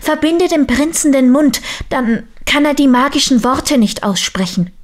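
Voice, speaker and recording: A woman's voice: sits high, unhurried, pitched above the performer's own voice. A woman voicing two older sisters who press their younger sister urgently. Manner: urgent, insistent.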